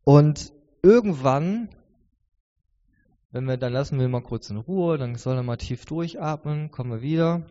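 A man in his thirties delivers a conversational, earnest sermon, his voice sitting a little high yet mellow in tone. The sound is dull and carries the long reverb of a large church hall. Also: unhurried. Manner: earnest, conversational preaching with many restarts. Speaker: preacher.

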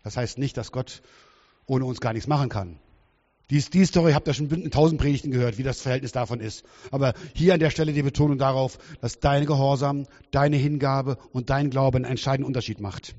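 A man in his fifties preaching a sermon in a lively, humorous and theatrical way, often asking the congregation questions. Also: mid-range voice, brisk. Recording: dull sound with long hall reverb.

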